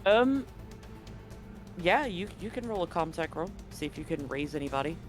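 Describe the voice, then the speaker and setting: With background music beneath him, a male game master narrates a tabletop roleplaying game, conversational and explanatory. He speaks at a moderate pace in a fairly high, sing-song voice.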